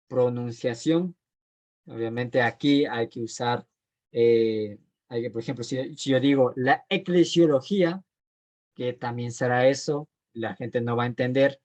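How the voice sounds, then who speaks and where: A man teaching a homiletics class, explaining his points plainly and often pausing with fillers and restarting his sentences. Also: medium pitch, a little mellow. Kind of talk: recorded class lecture.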